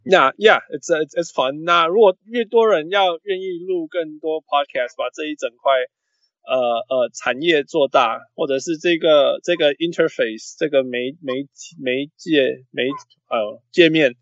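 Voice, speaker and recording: A man's voice: a little high, measured pace, fairly bright tone. A man hosting a casual sports podcast, slipping English phrases into his Mandarin and repeating words as he searches for terms. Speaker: podcast host. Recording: muffled, roomy lo-fi podcast audio.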